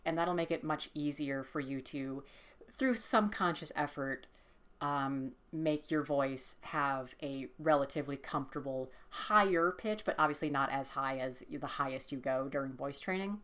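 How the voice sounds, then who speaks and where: A woman casually explaining voice training exercises, relaxed and hesitant with many fillers. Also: deep voice, normal speed. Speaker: voice training tutor. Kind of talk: casual instructional vlog.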